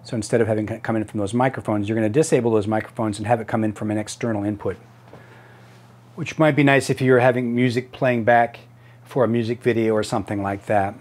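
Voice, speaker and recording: A man in his fifties giving a casual product tutorial, haltingly thinking aloud as he demonstrates. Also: on the low side, steady tone, darkish tone. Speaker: tutorial presenter. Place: small home office room.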